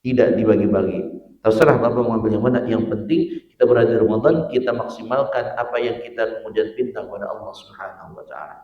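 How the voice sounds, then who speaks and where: A man's voice: lowish voice, fairly even intonation, fast talker, narrow, tinny audio. A man preaching a dawn mosque sermon, joking with the congregation and building to fervent emphasis. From Cibitung, Indonesia. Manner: jokey, quizzes the congregation, rises to fervent emphasis. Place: mosque hall. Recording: echoey mosque, mic at a distance.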